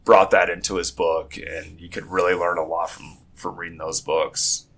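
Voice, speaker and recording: A podcast host with a groggy morning voice rambles through a casual chat, frequently restarting sentences and correcting himself. His voice is deep, creaky and a bit bright, delivered flatly at normal speed.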